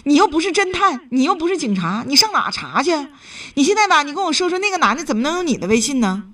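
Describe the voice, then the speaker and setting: A woman's voice: sits high, very animated, quick pace, fairly bright tone, recorded from a distance. A woman hosting a radio call-in show, giving blunt, indignant advice.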